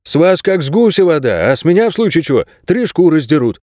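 A man voicing a nervous, stubborn prison guard in an audiobook, hesitant and quick. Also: a little high, very animated, a little mellow, no echo, studio quality, voice pushed up. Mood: stubborn, flustered. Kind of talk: audiobook character voice.

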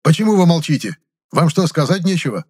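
A man reading an audiobook, voicing a stern, irritable male supervisor who scolds and shouts. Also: fairly high pitch, very animated, brisk, husky, pitched above the performer's own voice. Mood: scolding. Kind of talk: audiobook character voice.

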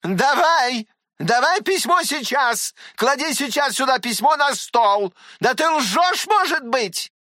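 Brief: reader voicing fiery scolding older woman, high and piercing, storybook drama. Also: sing-song, unhurried, sharp tone, no echo, clean studio sound, heavily acted. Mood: demanding. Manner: shrill, scolding, exclaiming. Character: hot-tempered scolding middle-aged woman.

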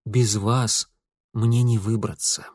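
A man's voice: mid-range voice, expressive, moderate pace, darkish tone, no echo, natural voice. Man voicing a wry, sardonic young man. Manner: dry, sarcastic.

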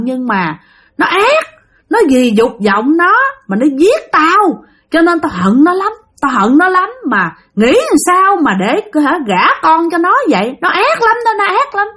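A woman with a Southern Vietnamese accent voicing a vengeful female ghost who was murdered, with a shrill, piercing voice and bitter, repeated accusations. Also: very animated, moderate pace, sharp tone, full character voice.

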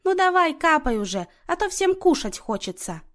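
A woman reading an audiobook, voicing a bossy, nosy mother who talks loudly and scolds. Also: extremely high pitch, very animated, moderate pace, voice pushed up, full character voice. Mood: indignant. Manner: loud, indignant, scolding. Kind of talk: audiobook character voice.

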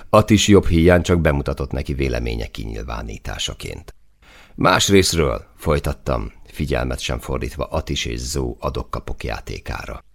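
A man's voice: a bass voice, gravelly. A man reading a first-person novel aloud in a dry, earthy manner with casual swearing. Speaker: audiobook narrator.

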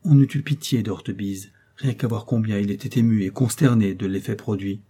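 A man narrating a classic novel as an audiobook, in a measured, expressive storytelling manner. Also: on the low side, slightly rough.

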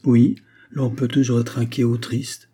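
Guy reading a ghost of a dead man, cold and solemn, real dark voice. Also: medium pitch, flat delivery, a little slow, slightly rough. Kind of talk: audiobook character voice.

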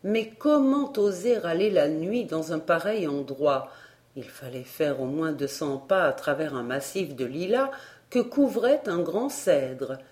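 A woman narrating a storybook audiobook at a slow, unhurried pace. Her voice sits a little low and sounds warm and mellow. The reading is steady throughout. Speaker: audiobook reader.

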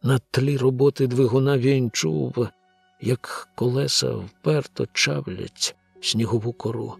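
Male audiobook narrator, measured and grave; husky timbre, faint music underneath. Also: mid-range voice, steady tone, dry recording.

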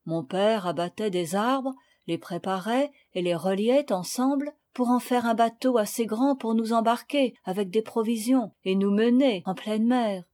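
A woman reading a children's novel aloud, with calm, measured storytelling that rises in dramatic moments. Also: a little high. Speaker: audiobook reader. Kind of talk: scripted narration.

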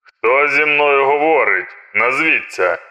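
A man's voice: medium pitch, lively intonation, slow, sharp tone, exaggerated voice. A man voicing a stern male police commander barking orders through a megaphone, in an audiobook narration. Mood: commanding. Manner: barked commands. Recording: dull megaphone sound.

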